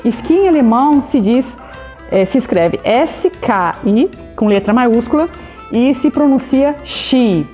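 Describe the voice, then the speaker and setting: A woman teaching a German lesson. She slows down sharply to model German phrases, rolls her R, and keeps checking in with "né?" and "tá bom?". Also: on the high side, lively intonation, warm tone, faint music behind. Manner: fillers of "né?" and "tá bom?" to check in with the viewer. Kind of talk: language lesson.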